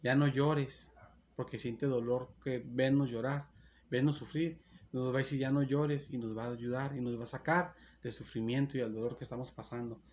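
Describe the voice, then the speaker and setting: A male pastor delivering a sermon at a middle pitch, circling back to the same phrases with earnest insistence. He restarts and corrects himself as he goes. There is a faint hiss of background noise behind him. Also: fairly even intonation, a little fast, a little mellow. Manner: earnest, repetitive preaching with many restarts.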